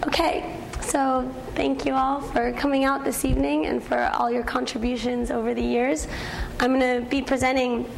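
A young woman with a hoarse, croaky frog voice, partly lost from talking, giving a scientific presentation as a graduate researcher. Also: sits high, flat delivery, normal speed, slight background noise, poor audio. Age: young adult.

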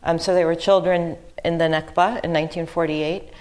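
A woman from Lebanon speaking on a panel as a history professor, thoughtful and halting, with frequent ums and restarts. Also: on the low side, steady tone, darkish tone. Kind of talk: panel discussion talk.

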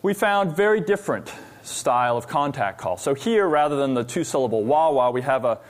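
Male researcher lecturing from the stage, mid pitch, explanatory, halting with fillers. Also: animated. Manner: explanatory, pausing with frequent "uh" fillers. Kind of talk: academic lecture.

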